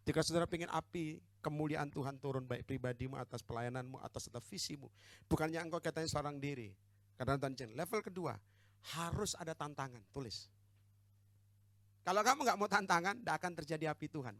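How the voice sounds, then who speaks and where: A man's voice: on the high side, animated, a little fast, a bit bright, no room sound. A man preaching a sermon as pastor, with an Indonesian accent, who calls out to the congregation for amens and teases them bluntly.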